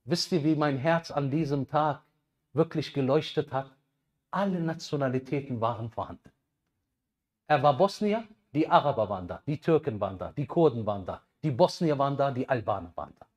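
A man in his thirties giving a lively sermon on a headset mic, swinging between loud bursts and quiet asides. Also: medium pitch, a little fast. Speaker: preacher.

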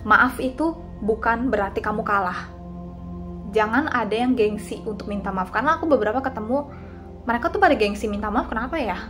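A young woman in her twenties talks straight to her viewers in a casual, confiding way, sharing advice like a friend. Her voice sits a bit high. Faint music plays underneath. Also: fairly quick. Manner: chatty and confiding, addresses viewers directly. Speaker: vlogger giving advice. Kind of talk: casual talking-head advice.

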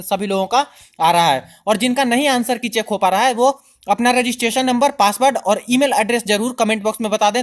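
High-voiced man giving chatty tutorial. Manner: chatty, keeps addressing viewers as friends; step-by-step instructional. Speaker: YouTube channel host. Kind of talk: screen-recorded tutorial voice-over.

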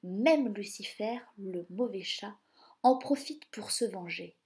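A woman voicing two spiteful, jealous stepsisters with shrill, shrieking outbursts in a read-aloud storybook. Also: animated, takes it slowly, a little mellow.

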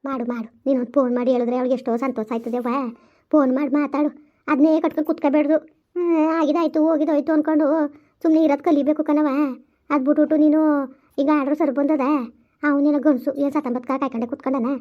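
A woman playing an older village grandmother, coaxing and gently scolding in an amateur village drama on a lo-fi recording. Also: high-pitched, fairly even intonation, fast, lightly acted. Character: older village grandmother, soothing, gossipy, bossy. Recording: lo-fi dull recording.

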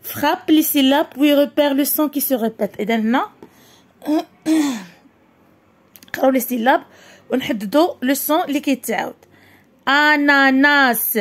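High-voiced Moroccan woman teaching slowly. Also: darkish tone. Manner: slow, deliberate word-by-word reading, switching to quick explanations. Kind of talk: primary school French lesson.

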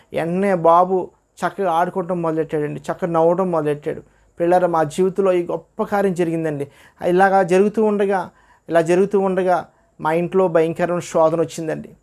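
A man tells his testimony in an earnest, storytelling way. His voice sits a little high for a man, and he acts out each line of dialogue. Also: fairly even intonation, a little fast, creaky, a little mellow. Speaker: testimony speaker. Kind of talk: personal religious testimony.

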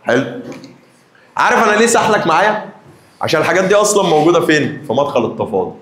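A young man with an Egyptian Arabic accent, a math teacher giving a lively lesson and teasing his students directly. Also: on the high side, racing, echoey room.

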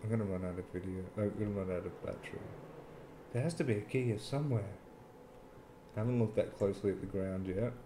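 A man's voice: fairly low pitch, quick pace, echoey room, noisy background. A man playing a horror game and talking himself through it, often flustered. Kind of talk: casual gameplay commentary.

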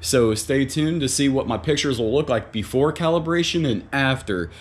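A man chatting casually in a vlog, excitable and quick to exclaim, talking from inside his car. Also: medium pitch, breathy edge. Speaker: vlogger. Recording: car noise in background.

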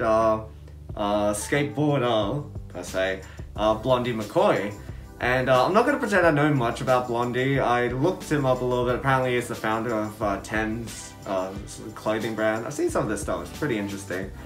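A man's voice: medium pitch, a little fast, soft background music. Young man reviewing sneakers through a face mask. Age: young adult. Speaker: sneaker reviewer, video host. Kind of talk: casual product review to camera. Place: indoors, small room at home.

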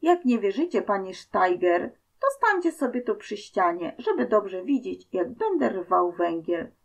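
A woman's voice: medium pitch, very animated, measured pace, vocal fry, heavily acted. A woman voicing a bold, crafty male coal miner who speaks in a mocking, boisterous way. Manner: mocking, boisterous dialect speech.

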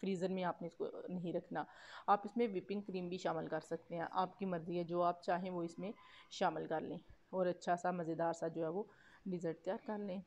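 A woman's voice: lowish voice, fairly even intonation, brisk, a little mellow. A woman with a Pakistani Urdu accent narrating a home cooking vlog as a voice-over, chatty, with frequent fillers and self-corrections. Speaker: cooking vlogger. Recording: dull lo-fi voice-over.

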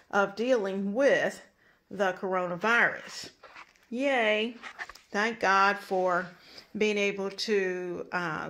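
A woman's voice: mid-range voice, fairly bright tone. An older woman hosting a home kitchen vlog, chatting casually with homespun advice and thankful asides, recorded at home. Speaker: cooking channel host. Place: home kitchen and dining room, indoors.

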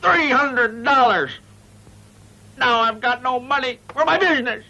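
An actor playing a gullible, hard-up gambler who is easily indignant, in a dubbed martial arts film. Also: male voice, extremely high pitch, lively intonation, measured pace, gravelly, pushed and bright, slight background noise, heavily acted, rough recording. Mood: dejected.

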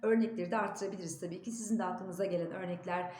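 A woman's voice: fairly even intonation, racing, a little hiss or hum. Turkish woman teaching diction, echoey room. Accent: Istanbul Turkish. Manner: careful, demonstrates pronunciations with sharp pitch jumps. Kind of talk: diction lesson. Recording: echoey room with faint ambience.

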